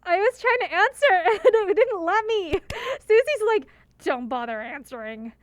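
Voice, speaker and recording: A woman livestreamer chatting casually over a game and reading viewer comments, expressive, giggly and rambling. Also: very high voice, moderate pace, dry recording. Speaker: livestreamer playing and voicing a game.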